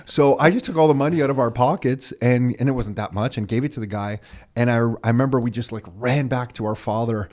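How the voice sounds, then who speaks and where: Laughing as he goes, this podcast co-host, a Canadian man with Croatian as his first language, rambles through a story and corrects himself in casual chat. He speaks quickly in a mid-range voice with a darkish tone.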